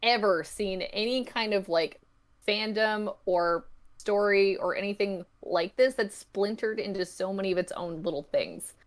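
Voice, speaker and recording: A woman with a mid-range voice talks a little slowly. She's a guest on a podcast, chatting informally about her own creative work and story.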